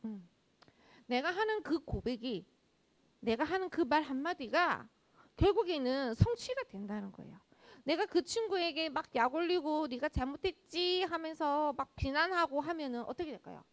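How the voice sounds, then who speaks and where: A woman's voice: high voice, lively intonation, normal speed. A woman preaching a children's sermon at a church, speaking straight to the kids, asking them many questions and acting out what children might say. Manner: addresses children directly with frequent rhetorical questions; acts out children's speech in quoted lines.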